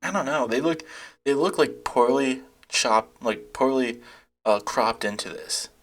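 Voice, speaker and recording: Male commentator, mid-pitched, loose and scoffing, laughs through his takes. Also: measured pace, a bit bright, soft background music. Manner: rambling, mocking, laughs often. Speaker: YouTube commentator. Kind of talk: casual reaction commentary.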